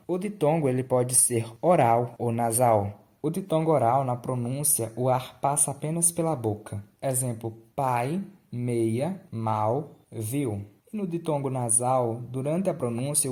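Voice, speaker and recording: A man teaching a grammar lesson, deliberately spelling out examples sound by sound. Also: mid-range voice, warm tone. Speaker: Portuguese language teacher.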